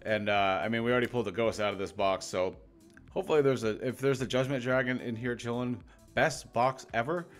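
A young man hosting a casual card pack-opening video, rambling and joking to himself and the cards, with loud bursts of excitement at big pulls. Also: medium pitch, a little fast, faint music behind. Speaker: YouTube host opening card packs.

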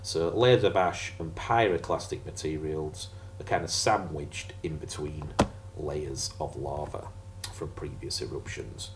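A man's voice: rumbling low, fairly even intonation, measured pace, a little hiss or hum. A man teaching a casual geography revision lesson over slides, chatty and jokey with sarcastic asides.

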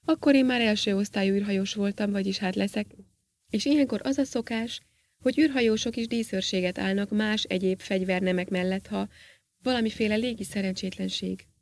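A woman's voice: mid-range voice, darkish tone, natural voice. A woman reading an audiobook, voicing a male astronaut who speaks hesitantly and reluctantly.

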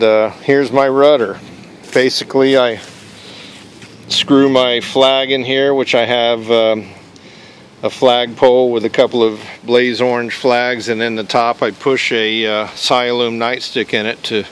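A man walking through his homemade kayak fishing setup outdoors in a relaxed, plain-spoken way, pausing often with "uh". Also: medium pitch, a little hiss or hum. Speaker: kayak angler showing his gear. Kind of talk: casual show-and-tell walkthrough. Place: outdoors on a paved driveway.

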